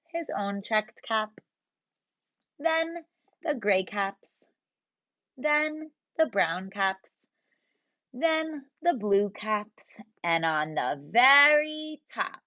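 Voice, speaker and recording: A woman teacher reading a picture book aloud to young children, expressive and drawn out, asking them questions, in a dull lo-fi recording. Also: a little high, no room sound. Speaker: preschool teacher.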